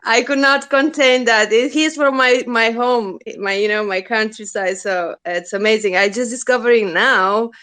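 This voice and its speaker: A woman from Rome with an Italian accent, hosting a live audio space with effusive, excited chat and frequent laughter. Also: fairly high pitch, normal speed, few pauses, clear, resonant tone. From Rome, Italy. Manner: exuberant and effusive, laughs often. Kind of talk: casual chat. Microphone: phone or computer mic on a live audio space.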